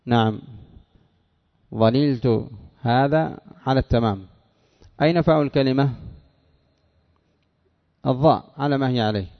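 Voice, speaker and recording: Gravelly male teacher, lo-fi lesson recording. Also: mid-range voice. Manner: drills students with questions, repeats words slowly. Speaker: Arabic morphology teacher. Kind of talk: classroom lesson.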